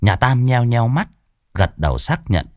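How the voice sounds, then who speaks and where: A man narrating a comic ghost story in a lively, mocking way. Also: mid-range voice, a little slow, no room sound, studio quality.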